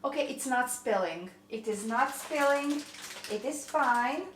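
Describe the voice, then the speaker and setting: Baking at home, a young vlogger with a Croatian accent chats and rambles, frequently poking fun at herself. She has a high, animated voice and speaks a little slowly, but the audio is poor, with an echoey room and slight background noise.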